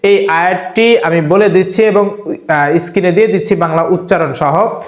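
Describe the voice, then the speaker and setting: A male preacher, giving earnest, repetitive religious instruction and slowly demonstrating a remedy. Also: sits high, reverberant. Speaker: Islamic preacher.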